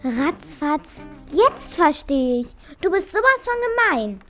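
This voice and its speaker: A woman voicing a small, naive female mouse who talks in a lively, exclaiming, emphatic way in a storybook tale. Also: high-pitched, measured pace, faint music behind. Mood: indignant.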